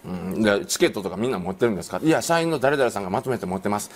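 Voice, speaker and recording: 関西弁でまくしたてる中年男性の語り. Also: male voice, fairly low pitch, slight background noise. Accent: Kansai. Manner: animated, acts out quoted voices, rapid delivery. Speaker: comedian telling an anecdote. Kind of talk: comic storytelling on a panel show.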